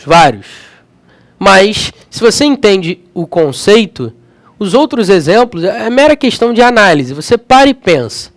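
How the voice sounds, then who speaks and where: A man's voice: high-pitched, dry recording. A man with a Rio de Janeiro accent teaching a grammar lesson, chatty and checking in with his students often. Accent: Rio de Janeiro Portuguese. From Rio de Janeiro, Brazil. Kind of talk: lively classroom lesson.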